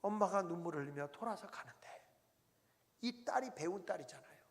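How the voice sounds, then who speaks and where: A man's voice: sits high, animated, a little fast, vocal fry. A man preaching a revival sermon, telling a story dramatically and dropping to near-whispers before rising again. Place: large church sanctuary. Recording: long reverb of a church hall.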